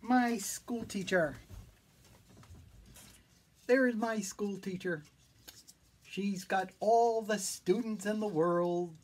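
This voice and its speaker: A clown performer voicing a whimsical, prim school teacher in a silly storytelling manner, with a husky voice. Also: mid-range voice, slow pace, pauses often, darkish tone, pitched above the performer's own voice. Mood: whimsical, mock-indignant.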